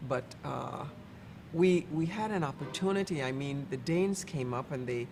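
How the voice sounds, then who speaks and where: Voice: mid-range voice, expressive, normal speed. A person casually recalling past events in a hesitant, conversational way. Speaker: event emcee recalling ceremonies. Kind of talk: casual recollection. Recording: clearly noisy background.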